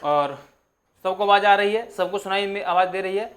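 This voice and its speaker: Young male tutor, fairly high voice, slow repetitive dictation of lesson points. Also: a bit bright. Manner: repetitive, dictating terms slowly for notes. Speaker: teacher. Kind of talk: exam-prep lesson.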